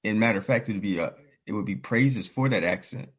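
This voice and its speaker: A man's voice: on the low side, fairly quick, slightly rough. A man hosting a podcast in casual conversation, earnest and reflective, telling personal stories and acting out what others said. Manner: earnest, reflective, storytelling with quoted voices. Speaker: podcast host.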